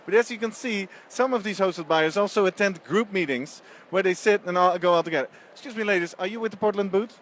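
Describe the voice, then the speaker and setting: A man's voice: high-pitched, fairly quick, fairly bright tone, a little hiss or hum. A man roving a trade show floor and interviewing exhibitors live, chatty and upbeat with frequent restarts. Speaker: event reporter.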